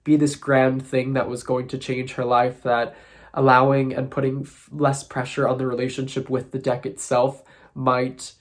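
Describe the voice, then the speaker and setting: A man whose voice sounds nasal and congested from sinus trouble talks through a casual vlog. His delivery is thoughtful and musing. His pitch stays fairly flat and even throughout. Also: moderate pace. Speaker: tarot content creator.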